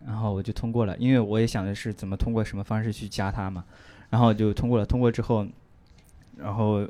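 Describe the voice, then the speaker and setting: A man's voice: lowish voice, steady tone, quick pace, mellow. A man telling a story on a comedy chat show, hesitant, repeating words and laughing at himself. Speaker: comedian guest. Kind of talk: casual comedy podcast chat.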